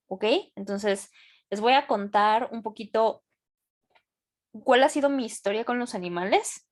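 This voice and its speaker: A woman's voice: on the high side, a little mellow. A young adult woman with a Mexican accent hosting a casual class, talking with enthusiasm and plenty of slang. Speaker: host of a membership session.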